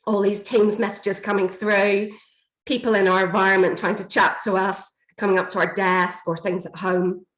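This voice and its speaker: This learning and development trainer has a mid-range voice and moderate pace, slightly hoarse because of a chest infection. She delivers a steady online workshop presentation full of fillers, recorded on a computer mic in an echoey room during a video call.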